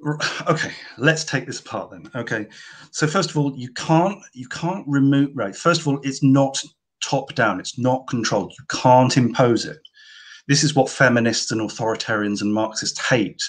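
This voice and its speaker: A man hosting a casual discussion about art, making his points forcefully and emphatically. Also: mid-range voice, moderate pace.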